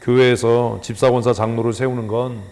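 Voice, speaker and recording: A man preaching a sermon as pastor, firing rhetorical questions at the congregation and swinging from loud scolding to hushed emphasis. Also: mid-range voice, little pitch movement, a little fast. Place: church sanctuary. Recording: long church hall reverb.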